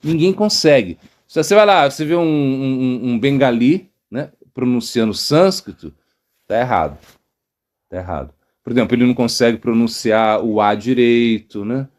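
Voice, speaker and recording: A man with a Brazilian Portuguese accent, a monk giving an informal devotional talk, halting often with fillers and tag questions. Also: mid-range voice, a little mellow. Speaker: monk teaching a devotional lecture.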